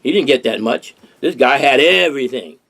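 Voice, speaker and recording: A man's voice: medium pitch, lively intonation, moderate pace, fairly bright tone. Earnest older New man. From Harlem, New York. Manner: earnest, rambling with restarts and repeated phrases. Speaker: host. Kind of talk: casual discussion.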